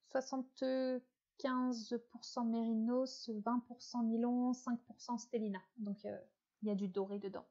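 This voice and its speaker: A woman's voice: on the high side, mellow, highs cut off. A woman hosting a knitting podcast, chatting casually about her projects with lots of hesitant fillers. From France. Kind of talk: casual show-and-tell chat.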